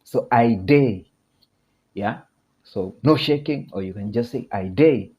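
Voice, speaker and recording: Slow, mellow Kenyan man teaching. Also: mid-range voice. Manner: chatty, laughs often, repeats phrases slowly. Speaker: teacher of a video lesson. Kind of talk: casual video lesson.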